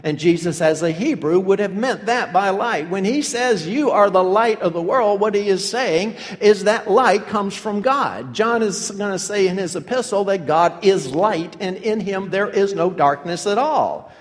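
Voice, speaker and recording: A man's voice: high voice, animated, a little slow, few pauses, in a large hall. A man preaching a sermon, emphatic and teaching in tone, with some hesitant fillers.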